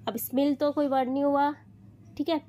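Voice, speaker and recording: A woman teaching children phonics, drilling sounds slowly and patiently in call-and-response. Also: high-pitched, little pitch movement, warm tone. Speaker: teacher and channel host.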